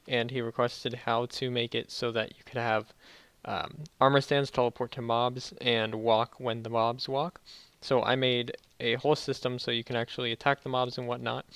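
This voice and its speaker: Young man, slightly muffled sore-mouth speech, halting casual tutorial commentary, dry close sound. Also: mid-range voice, a bit bright, clear, resonant tone, no room sound. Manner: halting, self-correcting explanations. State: sore mouth after wisdom teeth removal, slightly muffled careful speech. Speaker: tutorial video host.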